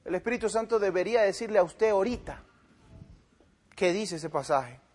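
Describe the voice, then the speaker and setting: In a high voice with lively intonation and normal pace, a man preaches about an argument he had with another pastor. He quotes both sides of their exchange, his delivery swinging loud then quiet, in sermon-style storytelling.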